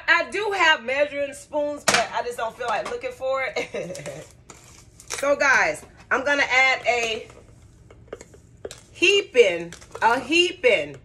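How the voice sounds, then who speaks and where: A chatty woman with a fairly high voice talks viewers through a home cooking demonstration. She keeps addressing them directly as guys and y'all. A faint hiss sits under the recording. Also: sharp tone. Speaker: cooking vlogger. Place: home kitchen.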